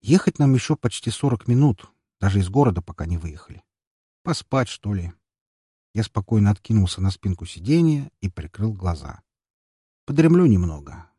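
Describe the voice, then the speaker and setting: Low husky guy reading an audiobook, dark mellow tone, dry close sound. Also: no room sound. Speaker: narrator. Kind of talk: audiobook reading, first-person narration.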